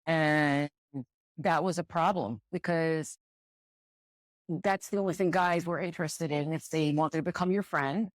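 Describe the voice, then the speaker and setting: In a relaxed interview, a middle-aged woman from the U.S. who directs student housing speaks as the guest in a low voice. She talks frankly and thoughtfully, often repeating words as she looks for them. There is no room sound.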